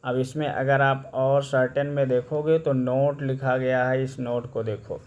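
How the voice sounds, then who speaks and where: A man's voice: mid-range voice, little pitch movement, highs cut off. A male teacher giving a classroom lesson, repeating his points and asking his students questions. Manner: slow, repetitive, asks the class questions. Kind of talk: classroom lesson explaining English grammar.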